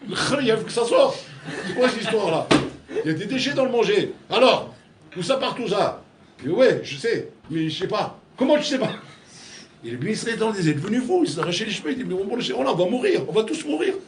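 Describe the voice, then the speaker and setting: Animated rabbi in an echoey room. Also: male voice, sits high, fairly quick, a little hiss or hum. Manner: storytelling with acted dialogue, swings between loud and hushed. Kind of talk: animated sermon. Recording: echoey room with faint ambience.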